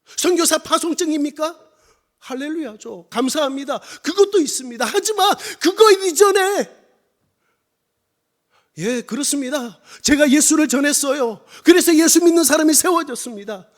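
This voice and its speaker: A missionary preacher with a Busan accent and a strikingly high voice for a man. He drives his sermon with emphatic rhetorical questions and calls out hallelujahs as he builds. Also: normal speed. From Korea.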